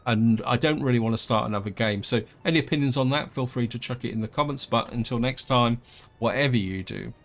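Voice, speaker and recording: A man hosting a gameplay video, thinking aloud in a relaxed, rambling way with plenty of hedges. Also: mid-range voice, a little fast. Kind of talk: casual let's-play commentary.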